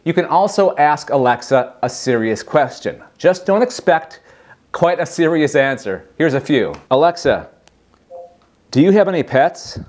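A man's voice: a little high, a little slow. A man hosting a casual tech demo, amused as he asks a voice assistant questions. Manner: lively, amused, asking the device questions. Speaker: host demonstrating a voice assistant.

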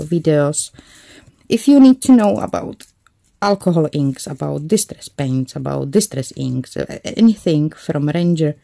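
Slow, mellow-voiced woman crafting. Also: low-pitched, vocal fry, no echo. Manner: thinks aloud while working, self-correcting. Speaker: craft channel host. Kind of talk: casual crafting tutorial.

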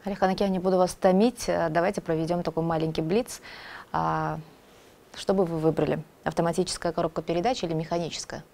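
Woman, thirties, studio host, a little low and dark in tone, formal and courteous. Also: fairly even intonation, creaky. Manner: measured, polite. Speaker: TV interviewer. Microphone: lapel.

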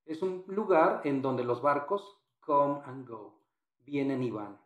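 A man's voice: medium pitch, animated, slow, echoey room. A man teaching English in Spanish, patiently walking through exam answers and repeating phrases.

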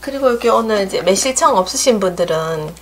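A woman's voice: mid-range voice, animated, fast, a little hiss or hum. A middle-aged woman with a Gyeongsang accent, hosting a home cooking demonstration in a chatty, homey way, with dishes clinking in her kitchen. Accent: Gyeongsang Korean. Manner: chatty, homey step-by-step instructions. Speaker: cooking channel host. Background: clinking dishes and pots.

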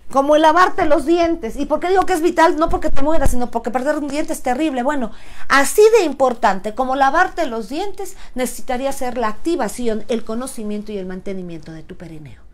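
A middle-aged woman with a Mexican accent, hosting a frank, playful live talk as a sexuality educator. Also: high-pitched. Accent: Mexican Spanish. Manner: animated, playful, frank and chatty.

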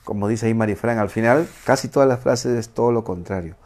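Brisk and a little mellow, this mid-range male voice belongs to an online show host giving a casual talk for women. He teases playfully, laughs a lot, and acts out phrases as he goes.

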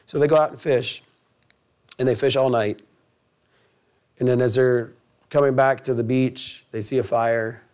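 A man preaching a sermon in church, telling a story in a lively way and acting out the characters. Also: mid-range voice, unhurried, long pauses. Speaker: pastor. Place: church sanctuary.

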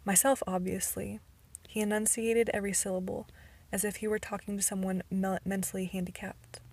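A woman's voice: mid-range voice, level tone, fairly quick, darkish tone. A woman narrating a novel in the first person as an amateur audiobook reader, with occasional stumbles and restarts.

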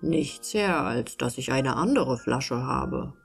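A woman's voice: a bass voice, lively intonation, slow, gravelly, breathy edge, soft background music, heavily acted. A woman voicing a poor, eager farmer man in a storybook reading, speaking plainly and politely. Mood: earnest.

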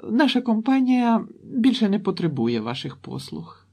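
A man reading an audiobook, voicing a polite, matter-of-fact aircraft executive in a slightly raised, louder voice with a raspy edge. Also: sits high, very animated, moderate pace, voice pushed up, heavily acted. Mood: polite, cool. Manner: courteous, matter-of-fact, dismissive. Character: smooth polite American aircraft executive, middle-aged man.

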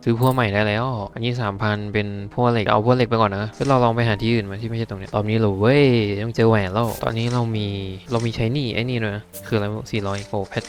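A man giving casual let's-play commentary, thinking aloud and talking to his viewers. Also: lowish voice. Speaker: gaming YouTuber. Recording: game music loud behind.

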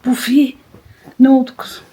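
A woman chatting casually to her viewers at home in a daily vlog, ill with a swollen sore throat and talking softly. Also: sits high, little pitch movement, normal speed, husky. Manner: chatty, rambling, talks softly. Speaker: vlogger. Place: at home, indoors. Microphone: small vlogging microphone.

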